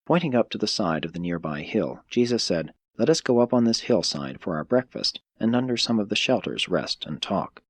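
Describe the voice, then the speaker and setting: This is scripted narration of a religious text: a man with a low, husky voice reads scripture-like stories in the measured, solemn manner of an audiobook narrator. It is captured close and very dry, without any room sound or echo.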